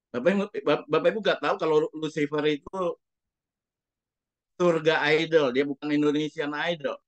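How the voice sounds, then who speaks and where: A man's voice: on the high side, a bit bright, dry recording. Emphatic man preaching a sermon. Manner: emphatic preaching, addresses congregation directly, rhetorical questions. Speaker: pastor.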